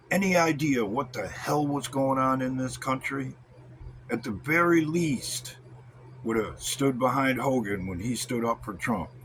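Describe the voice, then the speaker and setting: An American man with a mid-pitched voice delivers a wrestling promo style rant at a slow pace. He is blunt, scornful and coarse, leaning on drawn-out words for emphasis. Faint ambient noise sits behind his voice. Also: fairly bright tone.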